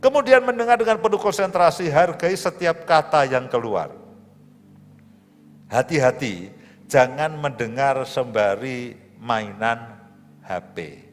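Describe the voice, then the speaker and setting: A man, a pastor preaching a sermon in a conversational, lively way with humor and asides. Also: mid-range voice, unhurried, pauses often. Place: large church hall. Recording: live church stream, hall reverb, soft music.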